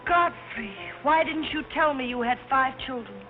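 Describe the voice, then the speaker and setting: A woman's voice: fairly high pitch, fast talker, natural voice. An actress playing a melodramatic, pouting young society girl in 1930s film screwball comedy banter. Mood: wounded, petulant. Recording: tinny 1930s film soundtrack, music behind.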